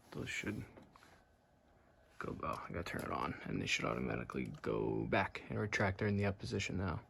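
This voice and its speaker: An American hobbyist films himself repairing a Halloween animatronic, talking casually and matter-of-factly without a script. His voice is low with vocal fry and a fairly bright tone, over slight background noise.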